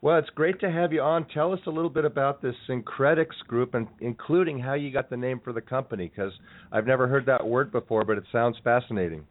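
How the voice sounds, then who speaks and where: A man's voice: mid-range voice, a little fast. A man hosting a radio interview in a friendly, conversational way, and he is losing his voice. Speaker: radio show host. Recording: tinny phone-like line.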